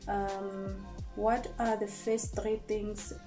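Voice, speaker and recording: Over background music, a young South African woman in her 20s talks very slowly in a medium pitch that barely rises or falls. She is vlogging a relaxed, rambling get-to-know-me chat into a nearby phone camera, seated in a small indoor room before some cupboards.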